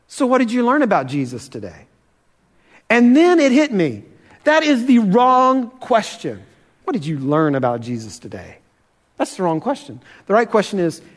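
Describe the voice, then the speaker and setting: A pastor giving an earnest sermon, slowing down to stress key points and challenging his listeners. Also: high-pitched, in a large hall. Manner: earnest, challenging, slows for emphasis.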